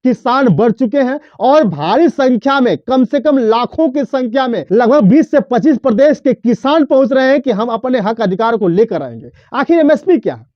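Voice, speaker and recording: A man's voice: very high voice, animated, moderate pace, few pauses, no room sound, muffled recording. A man presenting explanatory news commentary, emphatic and rhetorical, addressing listeners directly.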